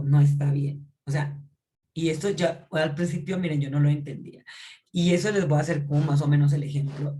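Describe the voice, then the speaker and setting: Her voice is low-pitched with a dark tone as she leads a casual Bible lesson. She speaks in a conversational way, often checking on her audience and going back to repeat or restart phrases during her explanations.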